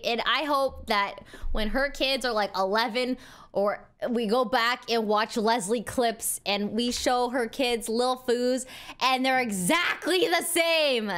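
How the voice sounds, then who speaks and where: Giggly high-voiced young woman streamer. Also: a bit bright. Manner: giggly, chatty. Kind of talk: reacting to clips on stream.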